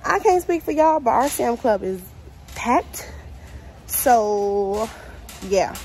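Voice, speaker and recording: Speaking slowly in a slightly high, somewhat mellow voice, a young American vlogger chats informally to her audience, shopping-vlog style, in a big warehouse store. Her delivery is animated. The recording is low quality, with faint store noise behind her.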